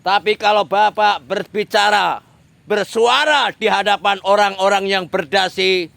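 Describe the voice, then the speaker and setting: Slow, creaky man ranting. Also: high-pitched, fairly even intonation, a bit bright, no echo. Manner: addresses a politician directly, repetitive emphatic phrasing. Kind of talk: political commentary monologue.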